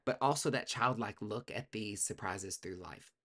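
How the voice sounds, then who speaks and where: A man giving a casual tarot reading, talking in a profane, sassy, coaching way, swinging between loud bursts and quiet asides. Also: on the low side, moderate pace. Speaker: tarot reader.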